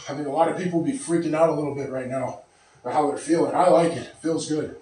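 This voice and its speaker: A winded man in his thirties talks to the camera between sets, rambling and often clearing his throat. His fairly high voice comes from across a bare, very echoey room. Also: fairly even intonation, fast, dark tone, far from the mic. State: out of breath. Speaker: fitness vlogger. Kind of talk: casual talk to camera. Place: small home gym room. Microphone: far camera.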